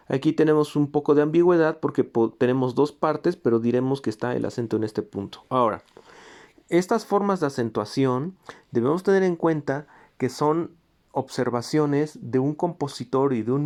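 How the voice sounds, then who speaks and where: A man gives a music theory lesson in a steady, explanatory way. He points to examples as he goes and sings short rhythm syllables to show the accents. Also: mid-range voice, moderate pace. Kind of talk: recorded lecture.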